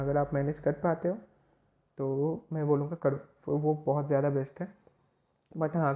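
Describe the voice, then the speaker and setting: A man's voice: on the high side, muffled recording. A man from West Bengal, a chemistry tutor giving casual, rambling study advice to students, with frequent restarts. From West Bengal, India.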